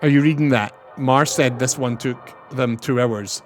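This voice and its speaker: Casually chatting while gaming, a young man signs off his turns to viewers with "over." His voice is mid-range and his pace moderate, and the game's music is loud in the background.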